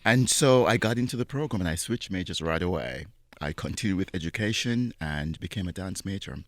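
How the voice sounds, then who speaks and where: A man's voice: sits low, animated, brisk, no echo. A man in his forties from Jamaica, speaking earnestly and reflectively as an interview guest. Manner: earnest, reflective, laughs between thoughts. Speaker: interview guest, dancer and teacher. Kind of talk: conversational interview.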